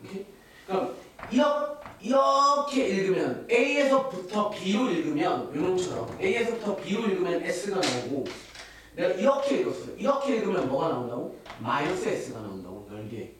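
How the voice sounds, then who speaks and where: A man teaching a math class, quizzing his students and answering his own questions. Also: high voice. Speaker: math tutor. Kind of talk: classroom lecture. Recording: echoey classroom, distant mic, hiss.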